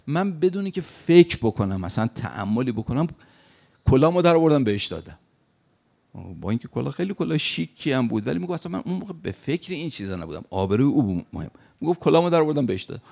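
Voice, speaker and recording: A man's voice: mid-range voice, vocal fry, mellow. A man preaching a sermon, telling a story in an emphatic way and acting out the lines of the people in it. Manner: recounts an anecdote with acted quotes, emphatic.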